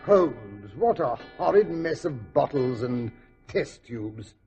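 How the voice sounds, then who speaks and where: An actor playing a proper, easily puzzled gentleman doctor sidekick in a 1940s radio drama, blustery and questioning. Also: medium pitch, very animated, slow pace, highs cut off, soft background music. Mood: puzzled, grumbling.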